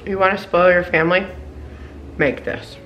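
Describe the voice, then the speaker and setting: Woman, 30s, home kitchen, cooking vlog chatter, gushing, lowish voice. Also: steady tone, moderate pace, muffled recording, slight background noise. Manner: gushing and chatty, often saying "like" and "oh my goodness". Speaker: cooking vlogger. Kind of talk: casual cook-along narration.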